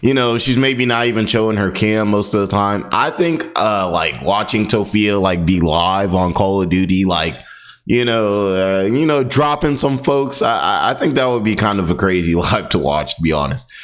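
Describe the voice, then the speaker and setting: A man's voice: lowish voice, normal speed, a bit bright. A man talks loosely over a stream clip. He rambles, fills the gaps with "like" and "you know", and laughs often. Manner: laid-back and rambling, lots of fillers and laughs. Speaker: commentary channel host. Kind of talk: casual commentary.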